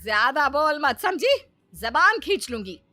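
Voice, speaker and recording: A woman voicing a sharp-tongued bossy mother-in-law. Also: sits high, big pitch swings, measured pace, soft background music, heavily acted. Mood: scolding. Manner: scolding, taunting. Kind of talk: cartoon story acting.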